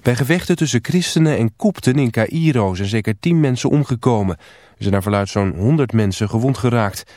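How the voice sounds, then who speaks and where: A man reading a scripted radio news bulletin in an even, formal manner. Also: medium pitch, no echo, clean studio sound. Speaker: newsreader. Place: news studio.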